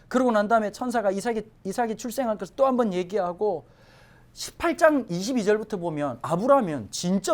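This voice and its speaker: A male pastor giving a Sunday sermon in a lively, conversational way with joking asides. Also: high voice.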